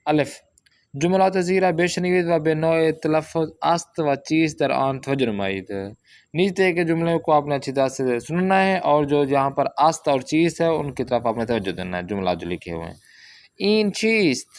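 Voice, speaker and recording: Man teaching from a workbook, higher voice. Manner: explains step by step, reads Persian sentences slowly then translates. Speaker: Persian language teacher.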